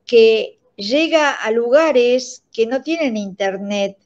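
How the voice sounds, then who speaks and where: Speaking from home on a video call through a phone or laptop, with dull lo-fi sound, an Argentine radio drama director in her sixties talks warmly and sentimentally about her work as an interview guest. She is effusive and expressive, with a slightly high, darkish voice and a slow pace.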